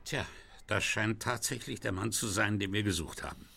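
An actor playing a gruff, confident police inspector in a radio drama, blunt and matter-of-fact. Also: male voice, lowish voice, moderate pace, loud music behind the voice. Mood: grudging.

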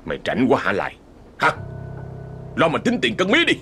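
A man's voice: mid-range voice, huge pitch swings, a little fast, pushed and bright, soft background music. Man playing a snappish bossy landowner. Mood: snapping. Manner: snapping, scolding. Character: grumpy rich man, bossy sugarcane landowner.

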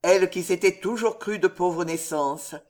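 A woman narrating a historical novel as an audiobook in an expressive, dramatic reading style. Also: fairly low pitch, normal speed. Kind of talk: scripted narration.

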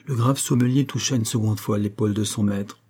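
A man reading a classic novel aloud in a steady, measured narration. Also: lowish voice, breathy edge. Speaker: audiobook reader.

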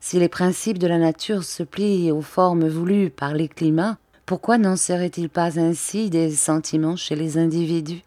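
A woman voicing a refined, gentle countess in an audiobook, speaking softly and reflectively. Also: on the low side, fairly even intonation, no echo, lightly acted. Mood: pensive. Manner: soft, measured, reflective.

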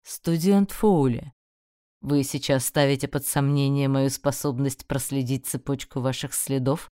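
A woman's voice: extremely low pitch, smooth, no room sound, clean studio sound, pitched below the performer's own voice. A woman doing a cool detached male professor. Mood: coolly stern. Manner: calm, measured, detached.

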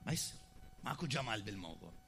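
An Iraqi man preaching a sermon from a pulpit, explaining patiently and then rising to loud declaiming. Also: fairly low pitch, expressive, rapid-fire, vocal fry, slight background noise. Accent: Iraqi Arabic. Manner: explanatory, swings from quiet asides to loud declaiming. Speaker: preacher at a mourning gathering. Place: pulpit in a hall.

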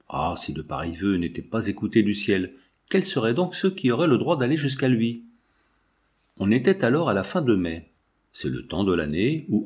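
A man reading a classic novel aloud in measured literary narration. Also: fairly low pitch, a little mellow.

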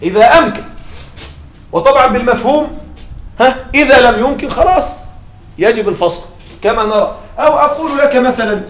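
A man teaching an Arabic grammar class. He keeps checking in with his students with short questions and slowly spells out his example phrases. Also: extremely high pitch, animated, a bit bright. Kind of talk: classroom lecture. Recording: echoey room with faint noise.

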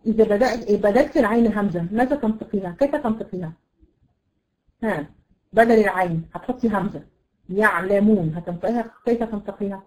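An Egyptian woman teaches an online tajweed class. She talks quickly at a middle pitch. Between explanations she says the letter sounds slowly and repeats them for her students. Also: dark tone, low-quality recording. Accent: Egyptian Arabic. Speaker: Quran recitation teacher.

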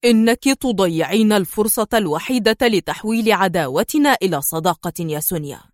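A woman's voice: medium pitch, lively intonation, fairly quick, dry recording, studio quality, natural voice. A woman doing a cold, stern male spy. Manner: stern, clipped and icy. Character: cold steely male secret agent. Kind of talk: audiobook character voice.

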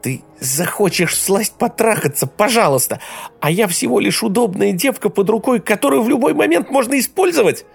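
Male narrator doing a tearful young woman in an audiobook, pitched up high, breaking into shrill, gravelly shouts. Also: very animated, normal speed, few pauses, heavily acted. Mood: screaming. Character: young woman, hurt, pleading, then furious.

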